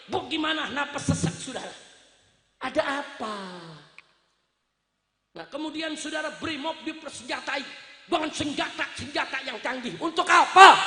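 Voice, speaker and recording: A male preacher gives a fiery rally speech, pounding the crowd with questions and shouts. His voice is very high, bright and cutting. It rings through a reverberant, echoing space with a long tail. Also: vocal fry. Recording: echoey reverberant hall sound.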